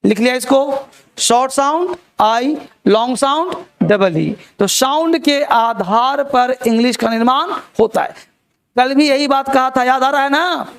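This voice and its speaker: High-voiced man teaching a class. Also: a little slow, creaky, a bit bright, clean tone. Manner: repeats key words, quizzes the class. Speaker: English teacher. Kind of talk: classroom spelling lesson.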